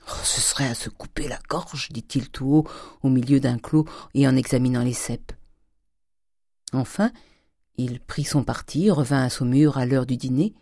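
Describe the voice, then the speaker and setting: An audiobook reader narrating a classic novel in a measured, deliberate way. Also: medium pitch, warm tone, no room sound, studio quality.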